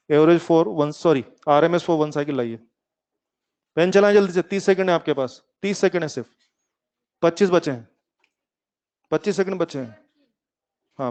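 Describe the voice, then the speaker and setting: A man's voice: on the high side, darkish tone, clean tone. A man teaching a physics class in with a coaxing, playful manner, calling his students kids and urging them on. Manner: playful, calls himself lazy. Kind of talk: online classroom lecture. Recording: slightly muffled lecture recording.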